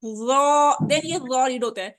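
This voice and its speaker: A woman teaching Quran recitation in a lesson, patiently repeating words slowly for her pupils, speaking words. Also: high voice, a little hiss or hum. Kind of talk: online tajweed lesson.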